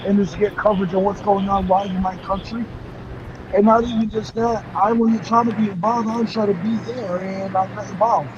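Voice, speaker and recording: A man's voice: high voice, level tone, fairly quick, dull audio, noisy background. A man on a live panel talking briefly and matter-of-factly. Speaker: panel guest. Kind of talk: casual live panel chat.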